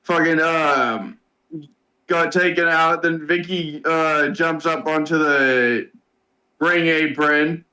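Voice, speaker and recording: A man casually recapping a wrestling match, halting with many fillers and swearing often. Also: fairly high pitch, steady tone, bright, forceful tone, rough recording. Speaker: wrestling reviewer. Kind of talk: casual podcast chat.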